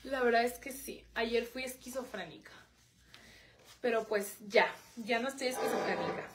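A woman's voice: a little high, normal speed. A young Mexican woman chatting on a livestream in a dramatic, talkative way, reading viewers' comments aloud. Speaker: livestream host. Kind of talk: casual livestream chat.

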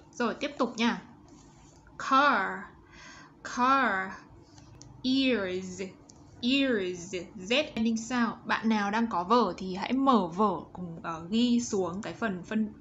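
A woman teaching young children, walking through exercises and modeling English words slowly for them to repeat. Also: medium pitch. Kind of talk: step-by-step exercise walkthrough. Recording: slightly dull audio with faint background noise.

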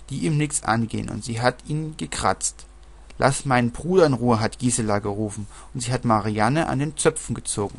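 A man reading a children's storybook aloud in first-person narration, plain and even. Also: mid-range voice. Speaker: audiobook reader.

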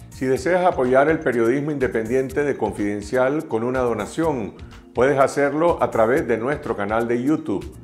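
An older man speaks straight to camera in a studio, reading a scripted appeal in a calm, measured way at a mid pitch. He is close on a lapel mic, with faint music in the background. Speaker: presenter making a donation appeal. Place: studio in front of a graphic backdrop.

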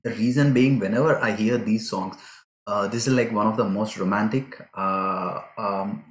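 A man's voice: on the low side, normal speed. A young Indian man with an Indian accent, talking casually in a reaction vlog, rambling with many fillers and getting emotional. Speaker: YouTube reactor. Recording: echoey room with music playing.

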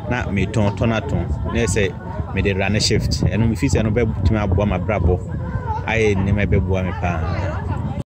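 A young man with a Ghanaian accent, answering a street interviewer outdoors into a handheld phone, giving long rambling answers that mix languages. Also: lowish voice. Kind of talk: casual answers. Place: outdoors by a roadside. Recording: outdoor street with crowd noise.

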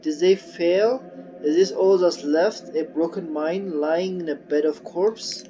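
A man reading aloud the lines of a woman scientist exploring an alien ocean, slow and earnest, with halting restarts. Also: on the high side, warm tone, a little hiss or hum. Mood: somber. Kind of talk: reading game dialogue aloud. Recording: dull lo-fi audio with game music.

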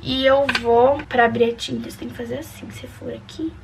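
A young woman from Brazil chatting excitedly to her viewers in a casual home vlog. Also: on the high side, fast. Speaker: YouTuber. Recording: distant mic with clear background noise.

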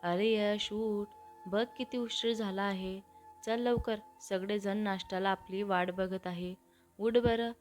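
A woman's voice: mid-range voice, fairly even intonation, takes it slowly, darkish tone, faint music behind, natural voice. A woman reading as a teasing elder brother. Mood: coaxing. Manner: teasing, coaxing.

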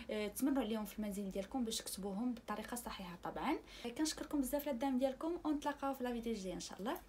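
A woman with a Moroccan accent teaches a French lesson, her voice sitting a little high. She stretches each example word slowly so learners can repeat it. A faint hiss runs under the recording. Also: darkish tone. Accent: Moroccan Arabic. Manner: slow, drawn-out demonstration of pronunciation. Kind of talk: online language lesson.

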